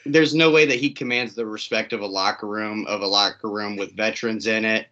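A man's voice: lowish voice, fairly even intonation, brisk, pushed and bright. A man co-hosting a casual hockey podcast, blunt and dry, with the odd curse. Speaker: podcast co-host. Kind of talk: casual sports talk. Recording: dull lo-fi sound.

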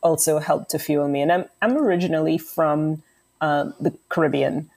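A woman's voice: sits low, steady tone, normal speed, vocal fry, a little mellow. A woman from Trinidad and Tobago, a podcast guest talking earnestly with frequent fillers. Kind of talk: podcast interview answer.

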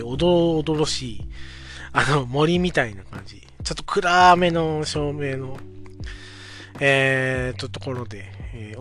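A podcast host in his forties tells a childhood story on his own show in a casual monologue, polite and unhurried, with many filler sounds. His voice is medium-pitched with a fairly bright tone.

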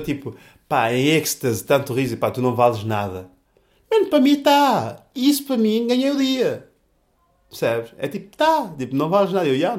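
A young man with a European Portuguese accent, talking in a casual reflective monologue full of slang, restarts and fillers. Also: mid-range voice.

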